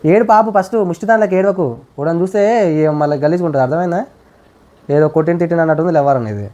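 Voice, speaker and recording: A man's voice: on the high side, rapid-fire, warm tone, dull audio. A man arguing with his wife in a casual home prank, brushing off blame and scolding her bluntly. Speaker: husband pulling a prank. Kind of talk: casual domestic argument.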